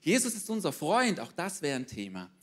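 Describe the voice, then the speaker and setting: Preaching to his flock, the pastor sounds a little high-pitched. He's spirited and direct, often stopping to ask the congregation a brief question.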